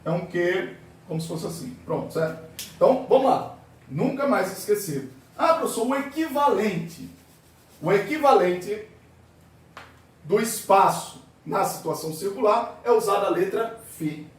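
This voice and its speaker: A man's voice: high-pitched, lively intonation, normal speed. A male physics teacher giving a classroom lecture, asking questions and answering them himself, sometimes voicing students' objections. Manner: asks and answers his own questions, voices students' objections. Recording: very echoey room, voice far from mic.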